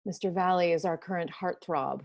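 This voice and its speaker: A woman's voice: lowish voice, a little fast, gravelly. An actress playing a pious, disapproving mother with a sardonic, clipped manner in a period drama reading. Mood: dry, sardonic. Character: tart, pious, disapproving mother of grown daughter.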